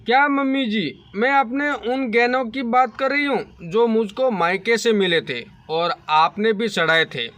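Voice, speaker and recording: Indignant young daughter-in-law, pleading, read by a man, high and bright. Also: a little slow, hardly any pauses. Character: young married woman, wronged daughter-in-law.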